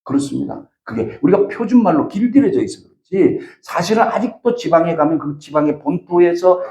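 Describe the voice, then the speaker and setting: A man lectures a live audience in an animated storytelling manner and keeps putting questions to them. His voice sits high and swings widely in pitch. The sound is roomy and echoey. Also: a little fast, lo-fi sound. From Gyeongsang region, South Korea.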